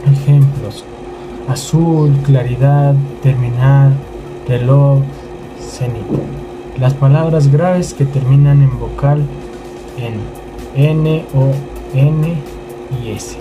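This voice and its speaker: A man's voice: mid-range voice, steady tone, slow, rough recording. A young man reading a student class presentation, listing examples one by one. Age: young adult. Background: clear music.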